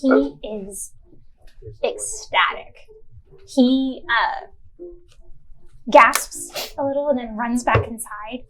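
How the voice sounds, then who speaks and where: A woman's voice: a little high, very slow, long pauses, a bit bright, poor audio. A woman running a tabletop game as game master, narrating in a loose, chatty way with many fillers.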